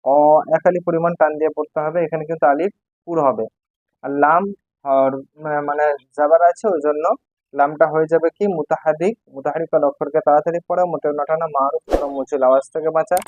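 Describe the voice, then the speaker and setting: A man's voice: on the high side, little pitch movement, fast talker, a little mellow, dry recording, muffled recording. A man teaching Quran reading, spelling out letters one by one and repeating each syllable for learners. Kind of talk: step-by-step recitation lesson.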